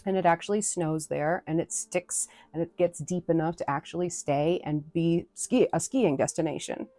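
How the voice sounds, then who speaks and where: A woman with a lowish voice rambles chattily through a live stream, full of fillers and restarts. Her voice is close and dry, and faint music plays behind her. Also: moderate pace, warm tone, dry recording. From New England. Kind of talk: casual live chat.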